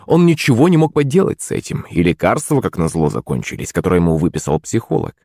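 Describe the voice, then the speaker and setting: Man, audiobook narration, expressive, lower voice, dry close mic. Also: fast talker, no room sound. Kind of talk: scripted narration.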